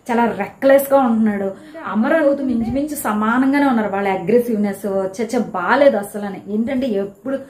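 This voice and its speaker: A woman giving a casual, animated recap of a reality show episode, telling who quarreled with whom. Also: on the high side. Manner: chatty, animated retelling of quarrels. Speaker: show reviewer. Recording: echoey room.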